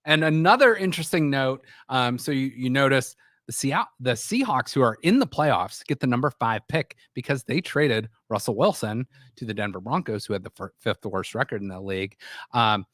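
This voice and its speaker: A sports talk show host speaks animatedly at normal speed, his medium-pitched, fairly bright voice scratchy from a sore throat. He rambles with frequent restarts, recorded dry and clean in a small studio.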